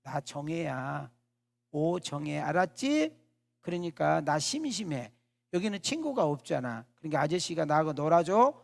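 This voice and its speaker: A man voicing a chatty, innocent nine-year-old girl in a sermon story, talking slowly in a coaxing, sing-song way. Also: a little high, very animated, vocal fry. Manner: coaxing, slow, sing-song childish talk.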